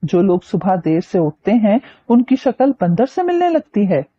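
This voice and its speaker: Teasing young man, mischievous and mocking, lively pitch, as a woman reader voices him, lo-fi audiobook. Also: moderate pace.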